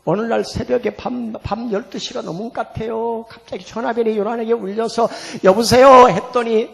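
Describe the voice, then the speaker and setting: High-voiced gravelly pastor in a reverberant church. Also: male voice, brisk. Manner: lively storytelling, swings from hushed to loud. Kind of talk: storytelling sermon. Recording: long hall reverb, faint music behind.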